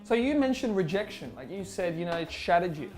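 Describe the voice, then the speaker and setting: A man's voice: high-pitched, big pitch swings, brisk, darkish tone, faint music behind. Earnest man asking questions. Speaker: host. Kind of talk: casual interview chat. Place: indoor games room with pool table.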